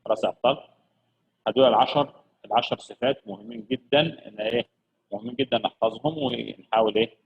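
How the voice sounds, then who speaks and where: A man teaching children English vocabulary, lively and coaxing, repeating each word slowly for his pupils. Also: mid-range voice, slightly rough, lo-fi sound.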